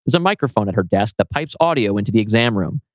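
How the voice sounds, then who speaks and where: A man with a lowish, expressive voice dramatically narrates his own screenplay at a fast clip, presenting stage directions and scene changes. There's no echo, and music plays behind his voice.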